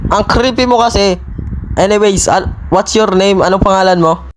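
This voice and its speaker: A man narrates his own game role-play in a high voice. He is excitable and breaks into loud, sudden exclamations. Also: normal speed, background noise. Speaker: gaming video creator.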